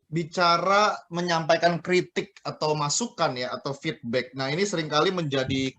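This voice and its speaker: A man, a guest trainer on a radio talk show, explaining communication with lively examples. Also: fairly high pitch, moderate pace. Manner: lively explaining, acts out scolding boss voices.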